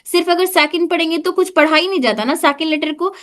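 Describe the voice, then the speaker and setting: A woman's voice: extremely high pitch, fast talker, a bit bright. A woman teaching an online class on the sounds of Arabic letters, patiently demonstrating each sound and repeating it. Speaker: tajweed teacher. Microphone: video call.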